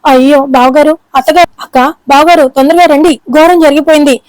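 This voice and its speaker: A woman voicing a panicked young woman shouting for her family. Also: sits high, little pitch movement, quick pace, dry recording, lightly acted, low-quality recording. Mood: alarmed. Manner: alarmed calling out.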